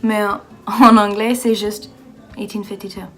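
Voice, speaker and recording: An American woman whose first language is English, talking in a casual vlog in hesitant learner's French and pausing often to search for words. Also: medium pitch, flat delivery, fairly bright tone, soft background music. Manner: halting, searching for words with many fillers. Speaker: vlogger.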